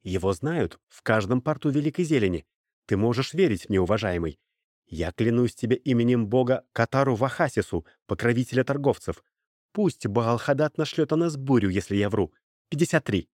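A man voicing a young trader's son, a smooth but quick-tempered talker. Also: medium pitch, animated, a little mellow, no echo, clean studio sound, lightly acted. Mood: pleading.

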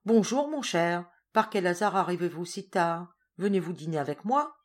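A woman reads the part of an irascible aging rich father in a storybook, loud and indignant in his outbursts. Her voice sits a little low for a woman and stays close to her narrating tone. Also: expressive, normal speed, lightly acted.

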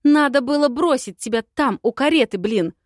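A fiery young heroine from an audiobook, defiant and quick to yell, as the reader puts her on. Her voice climbs high and rings loud and dry. She snaps her lines with bold, brash confidence. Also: no echo, close to an everyday voice. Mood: defiant, angry. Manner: shouting, defiant. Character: hot-tempered young woman, bride-to-be heroine.

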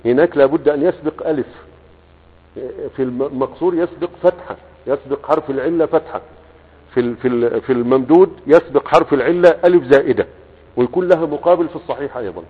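A man's voice: on the high side, husky. A man with an Egyptian accent teaching a class. He reads passages aloud, explains them, and keeps asking the students whether they follow. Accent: Egyptian Arabic. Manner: keeps checking understanding with quick questions. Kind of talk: classroom lecture, reading a text aloud and explaining it. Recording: tinny, echoey lecture recording.

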